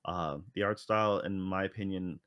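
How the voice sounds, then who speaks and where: A low-voiced podcast co-host rambles through a casual chat with many fillers and restarts, moving at a moderate pace. His tone is clean, though the sound is lo-fi, with no room sound.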